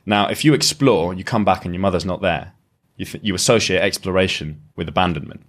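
A man's voice: low-pitched, brisk. A man, a lyricist, talking reflectively as a podcast guest and explaining his ideas at length with frequent restarts. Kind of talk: reflective conversational interview.

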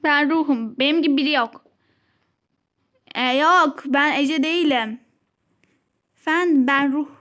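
A female host narrates her game-play in a playful, giggly way, often slipping into a hushed voice. Her voice sits very high. It has a bright, sharp edge. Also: takes it slowly, pauses often. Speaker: channel host.

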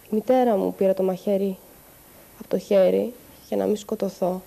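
Distressed woman with a very dark voice. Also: medium pitch, fairly even intonation, vocal fry. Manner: halting, distressed, with pauses and restarts. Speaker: interviewee recounting harassment. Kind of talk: emotional personal testimony.

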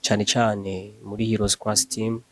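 A young man from Burundi, leader of a gospel group, answering interview questions in an earnest, measured way. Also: on the low side, little pitch movement, a bit bright, no echo.

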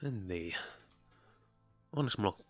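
A man's voice: fairly low pitch, animated, dull audio, faint music behind. A man giving rambling, giggly commentary on his own gameplay as a Let's Play host. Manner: chatty, rambling, giggly, talks to himself while playing.

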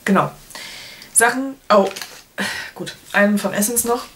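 A woman in her thirties talks through products in a casual, chatty way. Her pitch is average and she drops in playful asides. She is recorded at home in a small room, with noise behind her. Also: measured pace, fairly bright tone. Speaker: beauty vlogger. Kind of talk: casual product review chat to camera. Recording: clear background noise, clicks.

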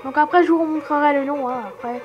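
A woman's voice: high-pitched, fairly even intonation, fast, dull audio. A young woman casually commenting on a rhythm game, giggling and poking fun at herself. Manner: giggly, self-mocking, chatty. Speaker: gaming channel host. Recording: game music playing softly behind. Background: faint game music.

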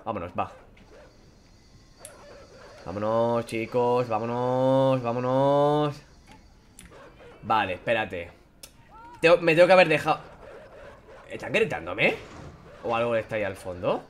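A man commentating a horror game playthrough, taunting and swearing at the characters in a playful, animated way. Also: on the low side, fairly quick, pauses often, a little hiss or hum. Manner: animated, playful sound effects and singing. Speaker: gameplay commentator. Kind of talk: casual let's-play commentary.

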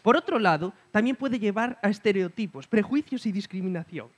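A man with a high-pitched, lively voice gives a reflective conference talk, speaking a little fast. He often checks in with his listeners through a questioning hum.

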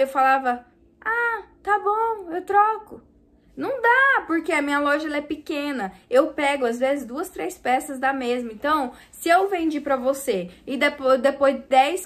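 A woman's voice: sits high, fairly bright tone. A woman with a Brazilian Portuguese accent, a small clothing store owner, chatting casually and venting to her viewers. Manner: chatty, venting, often addresses viewers directly. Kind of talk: casual vlog storytelling.

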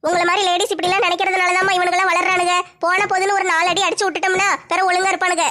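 Give me a woman playing a brash, teasing tough woman, very high and quick. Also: little pitch movement, very noisy. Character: bold, tough older sister-figure woman. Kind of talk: comedy skit acting.

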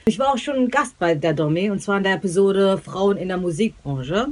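A woman's voice: mid-range voice, expressive, a little fast, a little mellow. A former guest, a woman, recording a friendly, playful video question.

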